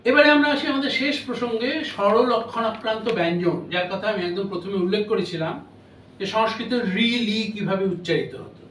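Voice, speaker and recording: A man giving a memorial lecture on phonetics, speaking in a measured, explanatory way with pauses between phrases. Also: high voice, a bit bright, a little hiss or hum. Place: lecture hall. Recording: roomy hall audio from a distance.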